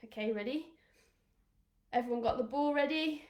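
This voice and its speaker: An encouraging, upbeat woman from England leads little children through rugby games over a live stream, calling out countdowns. Her voice sits high and bright, and the room around her rings with echo. Now and then she is a little out of breath. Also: moderate pace. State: out of breath at times. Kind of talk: live online kids' exercise session.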